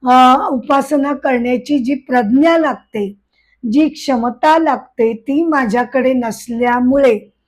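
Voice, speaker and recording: A woman's voice: high voice, a little mellow, poor audio. A woman giving a devotional talk and telling a story, speaking earnestly and addressing her listeners directly. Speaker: spiritual speaker.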